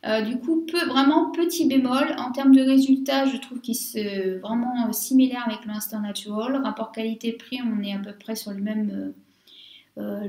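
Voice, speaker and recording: Female beauty vlogger, fairly high voice, chatty and filler-heavy, recorded in an echoey room. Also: darkish tone. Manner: chatty, many fillers and asides. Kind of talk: casual product review.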